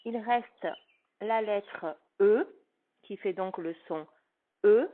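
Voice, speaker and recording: A woman teacher giving a phonics lesson to a young child, with patient, carefully articulated speech. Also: mid-range voice. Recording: tinny phone-like sound.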